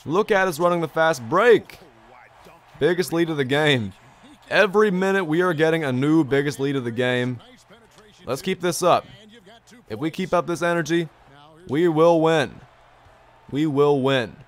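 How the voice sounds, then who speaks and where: Streaming a basketball game from his bedroom, this young man has a fairly high voice and talks at a measured pace, pausing often. He's upbeat and chatty as he reads chat, frequently repeating himself. His voice sounds slightly strained from a long stream.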